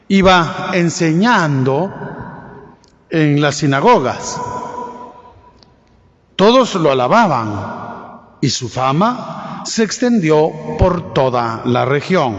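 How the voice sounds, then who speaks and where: A priest reads the Gospel in a formal, measured way, his fairly high voice trailing a long cathedral echo. The recording is dull and lo-fi, as if caught from the church's speakers. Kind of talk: liturgical Gospel reading at Mass. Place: large church.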